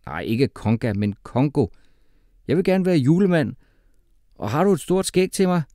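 A man voicing an eager, cheerful schoolboy who sounds excited. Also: on the high side, dry recording, studio quality, pitched above the performer's own voice. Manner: excited, enthusiastic.

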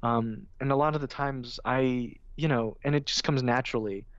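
A young man talking casually as an interview guest, full of "like" and "you know", and lively when he imitates his own narration delivery. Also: medium pitch, normal speed, clean tone, no echo. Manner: filler-heavy, says "like" and "you know" often. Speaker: guest, film video essayist. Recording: dull, lo-fi dry sound.

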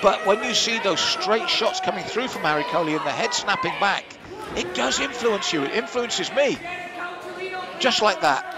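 His voice is high with lively intonation and a moderate pace as he commentates ringside on a kickboxing match. He analyzes the action and gives his own view on the scoring, while a live indoor crowd roars loudly in the background.

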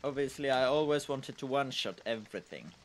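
Male gaming host, rambling casual commentary, mid pitch, hesitant. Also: lively intonation, a little fast, slight background noise. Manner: rambling, hesitant, self-deprecating. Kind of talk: casual let's-play commentary.

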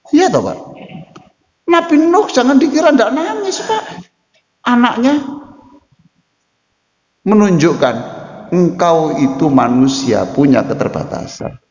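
An older man with an East Javanese accent preaching in an animated, joking way, addressing his listeners directly. His voice sits fairly high and swings widely in pitch. The sound is dull and lo-fi, with the long echo of a large hall. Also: takes it slowly, long pauses. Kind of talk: lively sermon Q&A with audience.

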